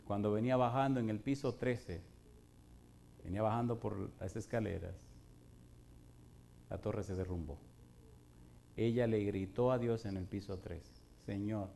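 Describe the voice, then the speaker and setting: A male pastor preaching a sermon who swings from loud, emphatic preaching to a hushed storytelling voice and puts rhetorical questions to the congregation. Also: on the low side, creaky, a little hiss or hum.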